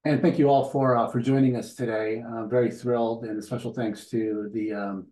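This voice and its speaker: A man presenting his company over a video call, thankful and a little halting. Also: medium pitch, steady tone, warm tone. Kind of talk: pitch presentation. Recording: roomy video call audio.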